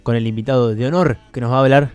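A man's voice: mid-range voice, fairly even intonation, fast, a little mellow, smooth. A young man with an Argentine accent, co-hosting a radio show in a casual, joking chat. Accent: Argentine Spanish. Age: 20s. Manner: chatty, joking, voseo. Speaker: radio co-host.

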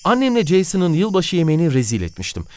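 A man narrating a scripted animated story in an expressive, dramatic manner. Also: fairly high pitch, fast talker, soft background music.

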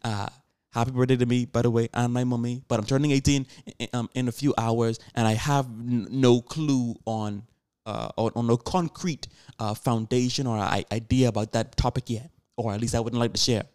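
A man's voice: mid-range voice, steady tone, normal speed, darkish tone, clean tone, no echo, clean studio sound. Earnest teenage guy lecturing listeners. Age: teens. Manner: earnest, preachy, addresses listeners directly with rhetorical questions; many restarts and repeated words. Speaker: podcast host. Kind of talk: solo podcast monologue.

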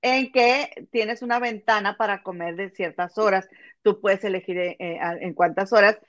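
A woman's voice: medium pitch, normal speed, fairly bright tone, dry recording. A woman retells gossip in a chatty, storytelling way, calling her friend comadre. The sound is dry and close, with a slightly muffled, dull tone. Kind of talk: casual gossip chat.

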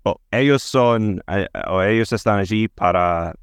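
A man with a low voice and a Scottish accent speaks Spanish as a second language, with English as his native tongue. He talks conversationally as an interview guest, often pausing and restarting to find the word. The sound is dry and close. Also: clean tone, no room sound. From Scotland. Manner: halting, searching for words and repeating them.

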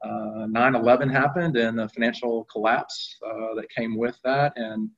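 A man's voice: medium pitch, fairly even intonation, moderate pace, a bit bright, dull audio. A middle-aged man answering interview questions as a guest, talking conversationally with frequent fillers and restarts. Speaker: guest, company executive.

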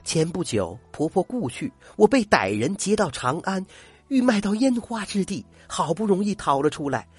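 Young woman in disguise, played by an old male storyteller, higher voice, soft and earnest, dry close sound. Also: slightly rough, no echo, full character voice.

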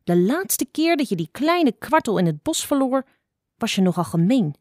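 A woman voicing a blind, sharp-tongued old female fox who scolds impatiently. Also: a little high, sing-song, normal speed, no echo, studio quality, pitched above the performer's own voice. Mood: stern.

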